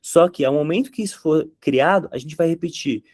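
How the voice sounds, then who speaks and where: A man's voice: on the high side, a little mellow, no room sound, clean studio sound. A man teaching a lesson on content creation in a conversational way. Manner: conversational, with quick impressions of catchphrases. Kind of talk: explanatory talk to camera.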